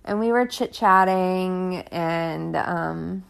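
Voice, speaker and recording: Gravelly-voiced chatty young woman. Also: fairly low pitch, drawn-out words. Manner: chatty, says "like" constantly, frustrated asides. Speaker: storyteller recounting her own experience. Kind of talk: casual personal story.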